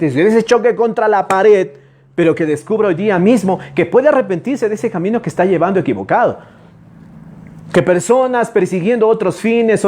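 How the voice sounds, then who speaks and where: A man preaching a sermon, his voice sitting a bit high and swinging widely up and down. He presses his listeners with rhetorical questions and calls to turn around. He drags out key words slowly, then hurries through side remarks. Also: a little mellow. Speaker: pastor.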